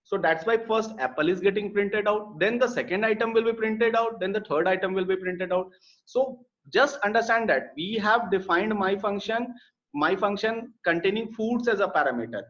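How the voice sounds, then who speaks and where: A man's high-pitched, slightly bright voice moves at a moderate pace through a live coding class, explained step by step with frequent fillers and repeated words. The live class audio from his computer mic sounds dull and lo-fi.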